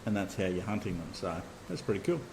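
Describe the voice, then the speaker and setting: A man's voice: on the low side, big pitch swings, fast, darkish tone, a little hiss or hum, poor audio. Blunt Australian man in casual chat. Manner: blunt, swears, makes sound effects.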